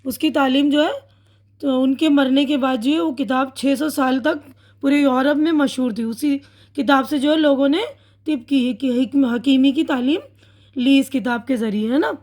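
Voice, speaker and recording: A woman's voice: high-pitched, fairly even intonation, a little mellow. A woman teacher explaining a lesson step by step, patiently repeating words and correcting herself as she goes.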